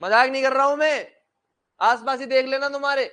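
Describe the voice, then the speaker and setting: A man's voice: very high voice, fairly even intonation, fairly quick, pushed and bright. A young man teaching a classroom lecture, blunt and joking, who asks his students questions and then answers them himself.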